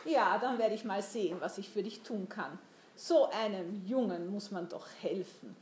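A woman's voice: fairly high pitch, lively intonation, normal speed, slight background noise, lightly acted. A woman voicing a domineering, mocking older merchant who talks down to a boy in a storybook reading. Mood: commanding. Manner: commanding, mocking. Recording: roomy echo.

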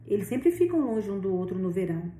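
A woman's voice: mid-range voice, very animated, a little fast, dark tone, slight background noise, lightly acted. A woman reading the lines of a kindly, earnest middle-aged man who gets flustered, in her own voice. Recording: roomy echo, distant mic.

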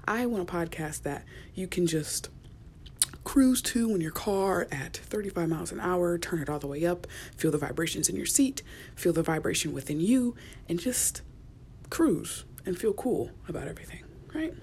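Young woman, solo podcast host, lower-pitched, soft and rambling, many ums and restarts, slips into whispers, faint background rumble. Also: lively intonation, moderate pace. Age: young adult. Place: small enclosed room at work.

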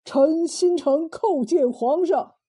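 A woman's voice: high voice, slow pace, dark tone, voice pushed up. Woman doing a trembling, groveling male official. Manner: trembling, pleading.

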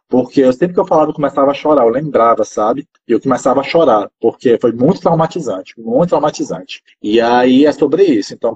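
A man's voice: mid-range voice, darkish tone, breathy edge. A Brazilian man, a podcast guest, telling a personal story in casual, emphatic speech with a lot of repetition. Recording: dull lo-fi sound.

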